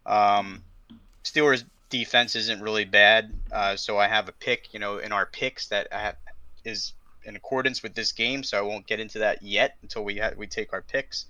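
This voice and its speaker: Bright-voiced man giving a game prediction. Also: lowish voice, normal speed, no echo. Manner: relaxed, hesitant with fillers. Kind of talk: casual sports prediction chat.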